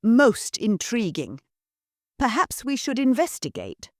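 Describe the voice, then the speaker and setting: A woman voicing a sinister, smooth-talking male aristocrat who purrs menacing politeness. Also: on the high side, wildly swooping pitch, slow pace, no room sound, clean studio sound, voice pushed up, exaggerated voice.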